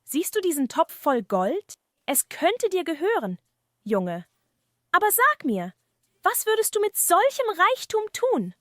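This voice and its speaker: A proud, kindly little leprechaun shoemaker, acted out by a woman in a fireside story. He is high-voiced and courteous, with swooping, earnest speech and a very dry sound. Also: huge pitch swings, unhurried, no echo, full character voice. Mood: inviting.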